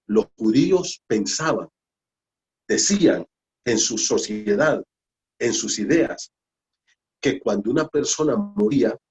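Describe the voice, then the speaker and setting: Male Honduran pastor, Bible-study sermon, dynamic hushed-to-emphatic preaching. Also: mid-range voice, expressive, takes it slowly, long pauses, low-quality recording. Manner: preacherly, swings between hushed and emphatic, addresses listeners as brother.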